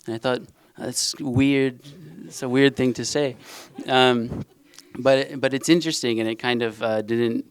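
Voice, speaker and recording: This young man, an Israeli author on a panel, grew up speaking Hebrew and takes part in a discussion and reading. His mid-range voice is steady, a little slow and smooth with hardly any pauses, and the recording is dry. He still comes across as hesitant, with many fillers and restarts.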